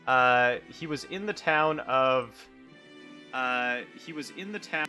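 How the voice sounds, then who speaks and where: A hungover man improvising casual narration as a solo game master, halting and correcting himself as he goes. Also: mid-range voice, pushed and bright, soft background music.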